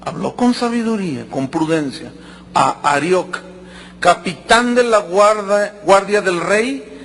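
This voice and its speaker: A man's voice: sits high, a little hiss or hum. A man preaching a sermon, acting out quotes and joking with the congregation. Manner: animated, acts out quotes and jokes with the congregation.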